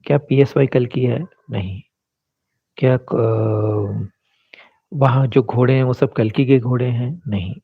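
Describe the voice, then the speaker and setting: A man's voice: medium pitch, fairly even intonation, unhurried, gravelly, slightly rough, no echo. A man explaining astrology in a casual talk, mixing English words into his Hindi. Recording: dull, lo-fi dry sound.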